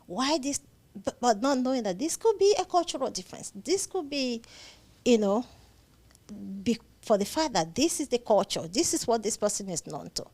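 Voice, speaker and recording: In this conversational interview, the guest is a psychiatric nurse practitioner with a Nigerian accent who speaks earnestly and emphatically, frequently repeating phrases to stress them. Her fairly high voice moves through big pitch swings, a little mellow, at normal speed.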